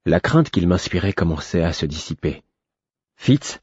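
A man reads a first-person story in a measured, literary audiobook style. His voice sits low and sounds husky. The recording is dry and dull, with no room around it. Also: animated, darkish tone, no room sound. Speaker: narrator. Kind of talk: scripted audiobook narration.

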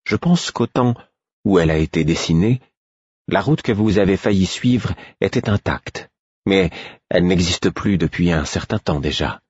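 Man voicing a worried queen, commanding, thoughtful, low husky voice. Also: lively intonation, normal speed, darkish tone, no room sound, dull audio. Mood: earnest. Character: earnest, worried young queen.

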